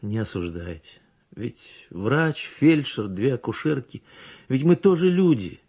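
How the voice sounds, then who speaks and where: Young country doctor, male, excitable, man reading; lively, husky storybook read. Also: mid-range voice, measured pace, muffled recording, pitched above the performer's own voice, heavily acted. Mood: pleading. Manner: excitable, exclaiming.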